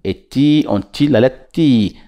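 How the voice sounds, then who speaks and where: A man teaching Quran recitation, patiently breaking words into syllables and repeating them slowly. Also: mid-range voice, mellow. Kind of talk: slow syllable-by-syllable recitation lesson. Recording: dull lo-fi recording.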